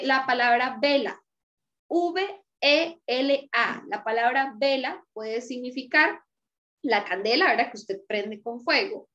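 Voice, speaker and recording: A woman's voice: fairly high pitch, fairly bright tone, lo-fi sound. A woman teacher explaining a lesson patiently, often checking in with her students. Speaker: Spanish teacher. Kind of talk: recorded class lecture.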